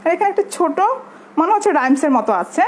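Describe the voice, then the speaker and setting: A Bangladeshi woman teaching English to young pupils in an online class, speaking in a drawn-out way and switching between English and Bengali. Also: very high voice, expressive, a little mellow. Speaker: primary school English teacher.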